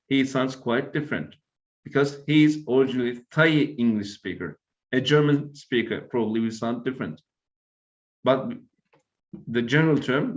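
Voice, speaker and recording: Giving an explanatory academic lecture, a man from Turkey speaks in a mid-range voice with a Turkish accent, frequently tagging his points with "right?". The sound is lo-fi.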